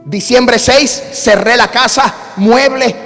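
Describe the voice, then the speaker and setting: A man with a Puerto Rican accent, a pastor telling a personal story in a sermon with lively calls to his congregation. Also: very high voice, slow pace, faint music behind. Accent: Puerto Rican Spanish. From Puerto Rico. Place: church sanctuary. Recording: church hall reverb.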